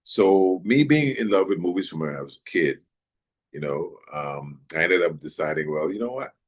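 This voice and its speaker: Man w a very low voice, from jamaica, raised in maryland, rambly casual interview chat. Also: moderate pace. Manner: relaxed, rambling with many fillers. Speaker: actor guest.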